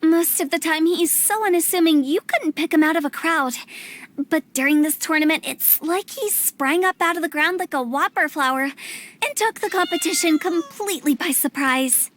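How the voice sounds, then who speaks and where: Hu Tao, a mischievous high-pitched funeral director. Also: female voice, normal speed, slight background noise. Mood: playful. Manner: teasing, lively, rhyming banter. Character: playful young woman funeral director, mischievous poet. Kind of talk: video game cutscene dialogue. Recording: game audio with soft music behind.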